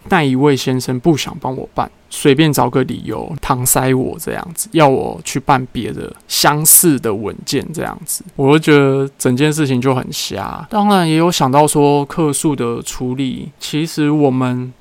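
A man's voice: medium pitch, moderate pace, gravelly, few pauses, no room sound. A young man hosting a casual solo podcast, telling everyday stories and acting out what people said. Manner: chatty storyteller who acts out what people said. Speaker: podcast host.

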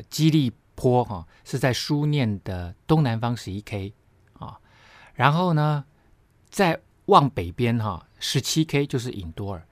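Dry-sounding teacher. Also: male voice, medium pitch, no room sound. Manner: explanatory, with frequent tag particles and emphatic asides. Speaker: Bible teacher. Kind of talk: Bible study lesson.

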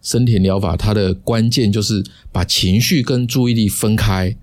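A man talks through a personal story on his solo podcast. His voice sits low, and his chatty delivery leans on drawn-out particles between phrases. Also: steady tone. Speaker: podcast host.

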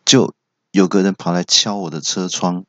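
A man from Taiwan, hosting a comedy podcast and telling self-mocking stories in a deadpan way. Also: low voice, moderate pace, no room sound, lo-fi sound. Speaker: podcast host. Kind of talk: comedy monologue.

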